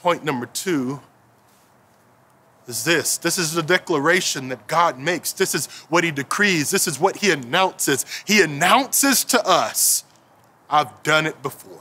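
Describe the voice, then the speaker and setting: A man in his thirties delivers a sermon from an indoor stage, speaking into a headset mic. His voice sits high and bright. He repeats key phrases for emphasis and sinks into quiet, low declarations. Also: lively intonation, a little slow, breathy edge. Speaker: pastor. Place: indoor stage with string lights.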